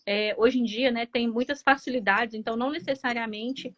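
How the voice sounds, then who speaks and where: A woman host with a Brazilian Portuguese accent talks in a fairly high voice, chatty and full of hesitant restarts. Her audio comes through a dull, lo-fi video call. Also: steady tone, a little fast, a bit bright. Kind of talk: casual live interview.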